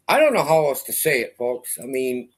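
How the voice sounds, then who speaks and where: A man's voice: medium pitch, sing-song, moderate pace. A middle-aged man hosting a casual commentary vlog, talking to his audience in a rambling, conversational way. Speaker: host.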